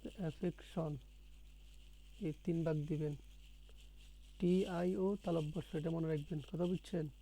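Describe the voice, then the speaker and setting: A man's voice: a little high, steady tone, unhurried, gravelly, pauses often, warm tone, rough recording. A man teaching a one-on-one spoken English lesson, patiently repeating words and quizzing his student.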